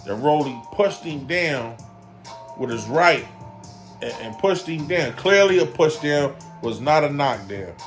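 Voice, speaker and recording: A boxing commentary vlogger in his forties talks casually in a slightly high, expressive voice at a somewhat slow pace, with faint music in the background. His delivery is loose and rambling, full of fillers and repeated points for emphasis.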